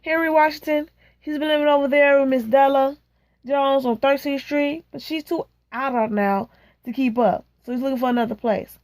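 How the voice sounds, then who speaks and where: A woman's voice: high voice, steady tone, moderate pace, darkish tone, no room sound, close to an everyday voice. A woman reading aloud, voicing a harried, exasperated mother in a storybook reading who scolds her sick child. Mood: gossiping.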